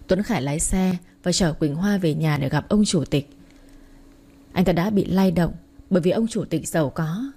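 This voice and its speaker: A woman narrating a story in the first person, reading in a steady storytelling manner. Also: lowish voice, husky. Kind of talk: scripted narration.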